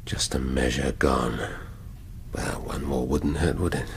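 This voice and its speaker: An actor playing a middle-aged English police inspector in a radio drama, wry, pedantic and a little hesitant. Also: male voice, extremely low pitch, steady tone, measured pace, creaky, a little hiss or hum, exaggerated voice. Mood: musing. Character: male police inspector in hospital, wry, pedantic, distracted, flirtatious.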